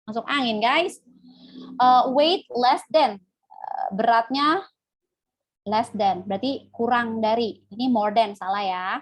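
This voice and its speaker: A young woman teaches English in a casual live online lesson. Her voice sits slightly high. She chats with her viewers as she goes and corrects herself on the fly. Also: takes it slowly. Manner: chatty, addresses viewers as guys, self-correcting.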